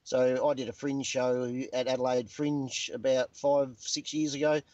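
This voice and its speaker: A man's voice: medium pitch, flat delivery, unhurried, a little mellow, lo-fi sound. A middle-aged man bantering crudely as a guest in a casual chat.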